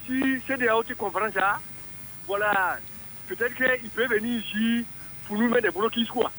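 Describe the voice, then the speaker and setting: Excitable man calling in over the phone. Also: extremely high pitch, normal speed, slight background noise. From Burkina Faso. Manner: excitable, exclaiming, broken French. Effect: heard over a phone line. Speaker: caller. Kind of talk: phone-in radio chat.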